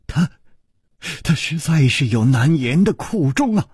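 A sorrowful young woman speaks low and hushed, faltering over her words, as a male storyteller voices her. The tone is husky and breathy. The sound is dry and close. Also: very animated, measured pace, no room sound, exaggerated voice. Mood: hesitant. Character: sorrowful masked young woman, ashamed and hesitant.

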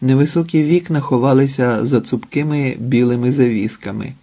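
A man narrating an audiobook in a calm, even storytelling manner. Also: medium pitch, normal speed. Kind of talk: scripted narration.

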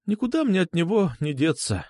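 A man's voice: high-pitched, sing-song, a little fast, no echo, studio quality, voice pushed up. A man voicing a hurt, subdued woman teacher. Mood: shaken. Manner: quiet, detached, tearful delivery. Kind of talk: audiobook character voice.

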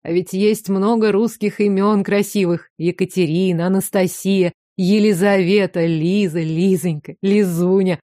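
A woman doing a brisk, grumbling doctor mum. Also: mid-range voice, fairly even intonation, dark tone, no room sound, studio quality, natural voice. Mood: teasing. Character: brisk, teasing middle-aged woman doctor.

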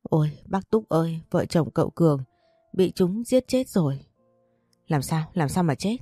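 Woman putting on a terrified older housemaid, wailing cries, low voice, dry sound. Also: animated, moderate pace, warm tone, no room sound, faint music behind. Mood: frightened. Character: frightened older female housemaid.

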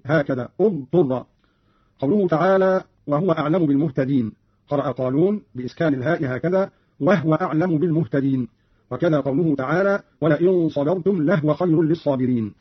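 A man gives formal, instructive explanations of scripture readings, slowing down whenever he quotes a verse. His voice is fairly high and husky, and he talks quickly. The audio is muffled and lo-fi, like an old radio broadcast. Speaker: radio announcer. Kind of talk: scholarly explanation of Quran readings. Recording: dull lo-fi archival radio recording.

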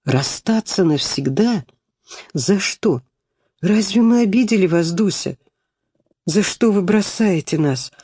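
A man's voice: high-pitched, lively intonation, slow pace, long pauses, warm tone, breathy edge, pitched above the performer's own voice, exaggerated voice. A man reading the lines of a class of anxious schoolgirls pleading with their teacher. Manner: pleading, clamoring.

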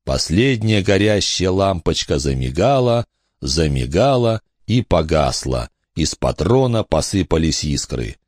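A man narrating an audiobook in an expressive, dramatic storytelling manner. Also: low voice, measured pace, dry recording, clean studio sound. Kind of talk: scripted narration.

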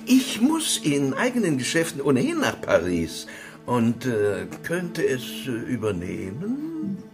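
A businesslike small-town banker. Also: male voice, medium pitch, huge pitch swings, unhurried, music in the background. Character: male provincial banker, eager and businesslike. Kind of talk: radio play acting.

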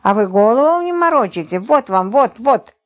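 A woman reading an audiobook voices a plump, indignant housewife who scolds in shrill outbursts. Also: big pitch swings, moderate pace.

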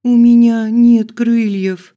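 A man's voice: level tone, measured pace, clear, resonant tone, lightly acted. A man voicing a panicked young heroine. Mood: desperate. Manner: shrill panicked shouting and pleading. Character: frightened young woman heroine, bound and desperate. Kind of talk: audiobook character voice.

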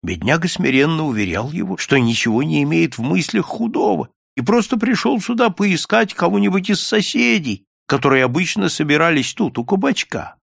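A man narrating a classic story as an audiobook in an expressive, dramatic reading style. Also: a little high, moderate pace, gravelly, few pauses, no echo, clean studio sound. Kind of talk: scripted literary narration.

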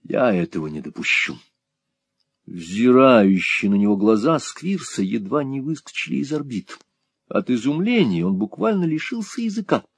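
A man narrating a classic novel as an audiobook in an expressive, theatrical way. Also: mid-range voice, normal speed, breathy edge, no echo. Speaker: audiobook reader.

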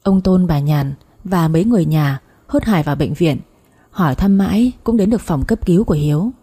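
Một người phụ nữ đọc truyện audio với nhịp kể đều đặn. Giọng khàn nhẹ, trầm tối, cao độ hơi thấp. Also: female voice, on the low side, brisk, slightly rough. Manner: steady storytelling. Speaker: story narrator. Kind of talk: audiobook narration.

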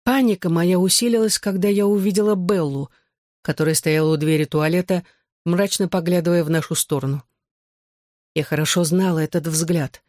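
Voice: mid-range voice, fairly even intonation, moderate pace, darkish tone, no room sound. Audiobook narrator, first-person novel, tense delivery, dry close mic.

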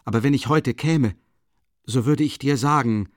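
In a dry, clean studio recording, a man speaks at medium pitch and normal speed, pitching his voice above its natural level in a lightly acted role. He plays a feverish, exhausted young man confessing in a faint, feeble murmur.

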